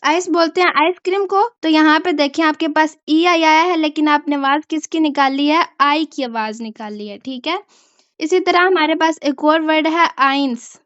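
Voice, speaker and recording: High-voiced woman teaching German sounds. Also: fairly even intonation, moderate pace, fairly bright tone, no echo, dull audio. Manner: patient, repeats "ठीक है?" to check understanding. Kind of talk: online language lesson.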